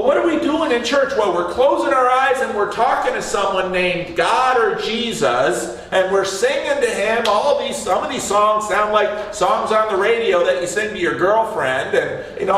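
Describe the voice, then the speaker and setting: A man's voice: high voice, a bit bright, a little hiss or hum. A man preaching a sermon in a church, chatting with his congregation and asking them questions. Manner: conversational, asks the congregation questions. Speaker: pastor. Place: church sanctuary. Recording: echoey church hall, mic from far off.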